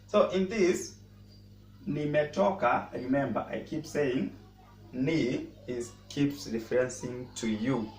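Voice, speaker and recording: A man who speaks natively, teaching a casual language lesson and pausing often to repeat words as he explains. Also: mid-range voice, darkish tone, faint music behind. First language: Swahili. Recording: roomy echo, mic at a distance, faint noise.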